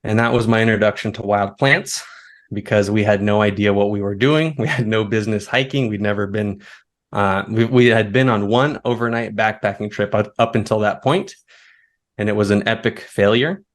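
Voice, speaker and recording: A man in his thirties speaks as a podcast guest with a lowish voice. He tells his stories in a relaxed, rambling way. His delivery stays easygoing throughout. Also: moderate pace. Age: 30s. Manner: relaxed, storytelling, now and then laughing. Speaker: guest, foraging expert. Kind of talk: conversational interview.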